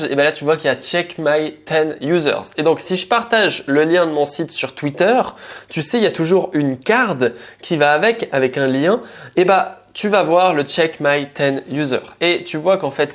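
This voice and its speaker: A man hosting a casual coding tutorial, talking informally straight to the viewer with quick asides. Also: fairly high pitch. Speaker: tech tutorial host.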